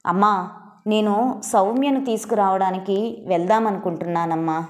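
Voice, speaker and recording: A woman's voice: medium pitch, normal speed, lightly acted. A woman reading the lines of an earnest young married man who argues firmly with his mother in a storybook. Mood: pleading. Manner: firm, pleading with his mother.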